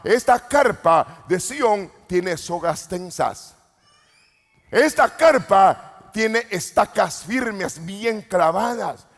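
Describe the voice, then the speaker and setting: A man preaching a Pentecostal sermon as an apostle, swinging from low murmurs to sudden shouts and calling out questions to the congregation. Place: church retreat hall. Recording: long hall reverb.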